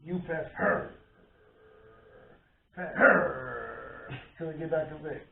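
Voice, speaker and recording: This podcast co-host's voice sits slightly high, with vocal fry and some background noise. In a casual chat he's an animated storyteller, acting out each quote. It sounds boomy and tinny, as though picked up across an echoey room from a distance.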